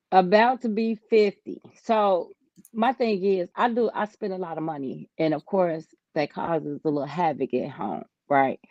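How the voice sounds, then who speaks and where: A woman about fifty co-hosting a casual talk show, relaxed and agreeable, chiming in with short replies. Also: fairly low pitch, unhurried, no room sound. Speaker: podcast co-host. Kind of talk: casual chat. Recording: dull, dry recording.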